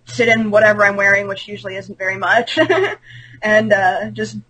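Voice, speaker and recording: A woman's voice: medium pitch, little pitch movement, moderate pace, fairly bright tone, slight background noise, rough recording. A woman in her twenties, a podcast guest on a video call, talking candidly and laughing often. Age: 20s. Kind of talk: casual podcast chat. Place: at home on a call.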